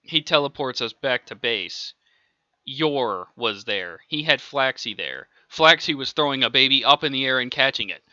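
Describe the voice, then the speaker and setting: Rambling and chuckling as he goes, a man reads out his own improvised audiobook tale in an amateur, casual way. He has a medium-pitched, sharp voice with lively intonation and a moderate pace, recorded dry and lo-fi at home with a dull sound.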